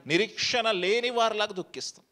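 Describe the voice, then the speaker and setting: A man's voice: high-pitched, a little fast, sharp tone. Man preaching with rhetorical questions. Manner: rhetorical questions, mixes English phrases. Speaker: pastor. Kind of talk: sermon.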